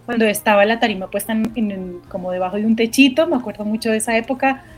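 A woman's voice: fairly high pitch, steady tone, fast talker. Woman from Colombia, jazz singer, reflective interview answers, faint music underneath. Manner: thoughtful, searching for words, many restarts.

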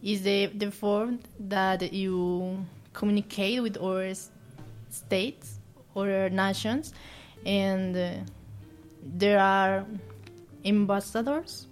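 A young Colombian woman, a university student, answers interview questions in English, her second language, with a Colombian Spanish accent. She halts, searches for words, and restarts often. Her mid-range voice keeps fairly even intonation, with faint music in the background.

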